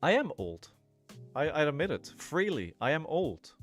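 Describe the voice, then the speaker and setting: A forties-aged man with a slightly high, sing-song voice talks at normal speed over soft background music. Casually narrating a card game live, he rambles, thinks aloud, addresses viewers, and often tags on "right?".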